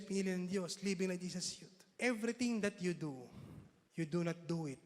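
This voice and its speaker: A male preacher addresses a youth camp, repeating his key line and quizzing the crowd. His voice sits high for a man. The sound carries a long reverb from a large hall. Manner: mixes playful questions with repeated refrains.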